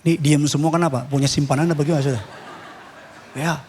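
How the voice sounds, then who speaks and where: A man preaching a sermon as pastor, animated, acting out dialogues and mixing in English. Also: a little high, fast, a little hiss or hum.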